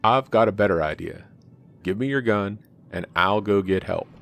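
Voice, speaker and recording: A man's voice: on the low side, moderate pace, gravelly, fairly bright tone, a little hiss or hum. A man playing an earnest farmer turned space hero, with a put-on American cowboy accent, in game role-play. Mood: calm, practical. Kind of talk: role-played game narration and dialogue.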